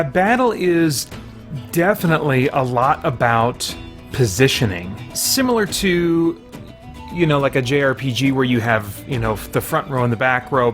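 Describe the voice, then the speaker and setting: Thinking out loud as he plays, a man gives a casual, chatty video game review peppered with mild slangy exclamations. His voice is mid-range with a fairly bright tone.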